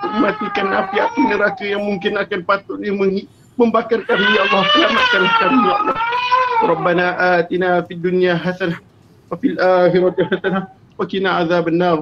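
A Malaysian male preacher with a high voice leads a fervent prayer. He pleads, sobs, and cries out by turns. The live-stream audio is dull and lo-fi, and loud noise sits under his voice. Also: big pitch swings, quick pace. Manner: fervent, sobbing pleas that swing to shouts. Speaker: religious preacher. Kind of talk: tearful impassioned prayer and advice on a live stream.

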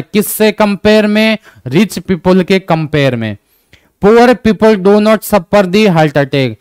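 A man's voice: sits high, a little mellow, clean tone, no echo, clean studio sound. A man teaching an exam-prep lesson with an Indian accent, asking and answering his own questions and repeating each point in English.

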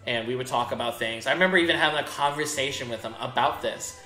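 A man's voice: mid-range voice, fast talker, pushed and bright. A man chatting casually while he plays a video game, telling rambling stories with many restarts. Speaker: gaming streamer. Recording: echoey room with faint game music.

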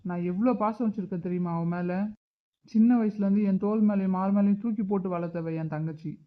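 A man voicing a hurt, stubborn uncle who scolds and grieves in an animated drama. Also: sits high, narrow, tinny audio, close to an everyday voice. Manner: reproachful, emotional. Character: hurt, stubborn middle-aged uncle, angry but grieving.

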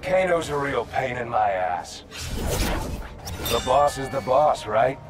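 An actor playing a cocky, sardonic masked mercenary in a video game, sneering and wisecracking. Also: male voice, medium pitch, animated, takes it slowly, loud music behind the voice. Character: cocky, sardonic male masked mercenary speedster, selfish thug. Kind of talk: video game fight dialogue.

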